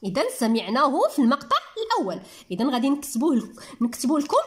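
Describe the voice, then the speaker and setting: A woman with a Moroccan accent teaching young children to read, sounding words out slowly one syllable at a time in a patient manner. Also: high-pitched, sing-song. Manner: patient, talks to children as little ones. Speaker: primary school teacher. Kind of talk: reading lesson for young children.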